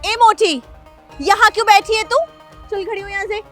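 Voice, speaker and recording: A woman's voice: very high-pitched, expressive, normal speed, a bit bright, faint music behind. A woman playing a rude, snobbish mother who mocks and bosses people in a bossy, scornful manner. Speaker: actor in a comedy sketch.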